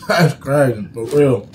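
A man's voice: mid-range voice, animated, takes it slowly, slight background noise. A young man with an American accent, chatting casually over a meal. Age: young adult. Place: small room at home. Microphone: camera at table's length.

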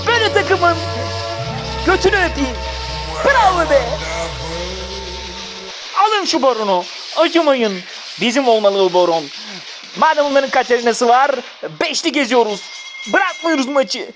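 A gamer giving a running commentary on their own mobile match, swearing freely, cheering and scolding teammates in bursts of excitement. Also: sits high, measured pace, pauses often, over music. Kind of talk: gameplay commentary.

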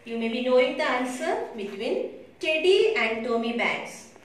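A woman's voice: high voice, big pitch swings, normal speed. A woman teacher with an Indian English accent, giving a recorded English lesson. She explains the story line by line, spells out words and asks her class questions. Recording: echoey room, distant mic, faint hiss.

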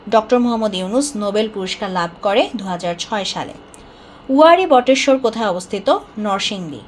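A woman teaching an exam-prep lesson, repeating each answer slowly several times. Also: mid-range voice, slight background noise. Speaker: exam tutor.

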